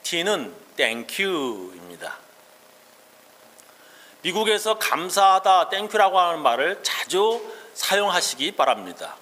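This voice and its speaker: A man's voice: high-pitched, very animated, slow, sharp tone. A male pastor giving a sermon, explaining English phrases and telling personal anecdotes. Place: church sanctuary. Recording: long reverb of a church hall.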